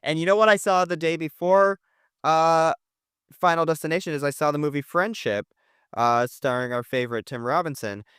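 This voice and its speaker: A man's voice: on the high side, moderate pace, a bit bright, clean tone, no echo, clean studio sound. A man co-hosting a podcast, talking casually and emphatically about movies, with lots of fillers and the odd swear. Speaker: podcast co-host. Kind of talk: casual movie review chat.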